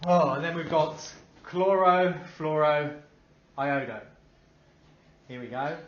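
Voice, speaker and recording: A man's voice: a little high, slow pace, slight background noise. Upbeat male teacher quizzing a class. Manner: upbeat, asks the class questions and praises answers. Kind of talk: classroom lesson. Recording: dull echoey classroom recording.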